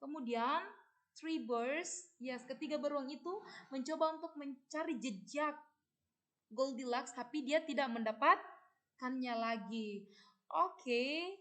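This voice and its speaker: A woman's voice: high-pitched, fairly bright tone. A woman teacher reading a children's story aloud, translating phrase by phrase and quizzing her listeners as she goes. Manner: drawn-out, emphatic reading. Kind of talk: bilingual storybook lesson.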